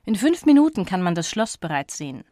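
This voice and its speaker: A woman's voice: lowish voice, very animated, fairly quick, warm tone, dry recording, clean studio sound. A woman reading an audiobook voices a matter-of-fact man who guides riders. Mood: informative.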